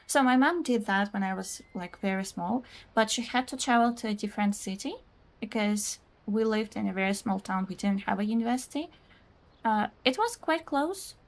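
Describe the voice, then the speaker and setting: Her pitch is medium, and Russian is her first language. She's a young woman casually chatting through a game stream, reading chat messages out loud, laughing frequently and peppering her rambling with "like."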